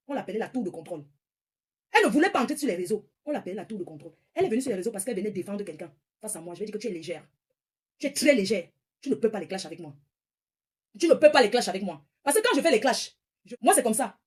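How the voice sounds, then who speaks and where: Woman in her forties, from northern France, husky, rapid, scolding live-stream rant, phone mic. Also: on the high side. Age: 40s. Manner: confrontational, repetitive, scolding. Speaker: social media livestreamer.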